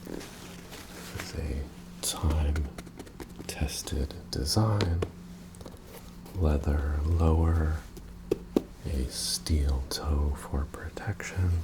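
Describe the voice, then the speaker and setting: Guy doing ASMR role-play as a polite tailor, breathy, really slow, noticeable background noise. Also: rumbling low. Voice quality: breathy, mostly soft-spoken. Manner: attentive, courteous tailor's sales patter.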